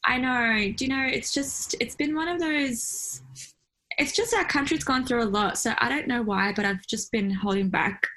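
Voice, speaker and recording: A woman's voice: a little high, moderate pace, sharp tone, poor audio. A woman from Iraq, a photographer guest, talking in a casual interview in a chatty, reflective way with frequent fillers and laughs.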